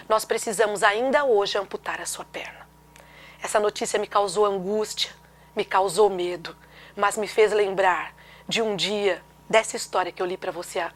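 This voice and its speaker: A Brazilian woman with a Brazilian Portuguese accent, giving a dramatic preached testimony full of rhetorical questions. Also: a little high.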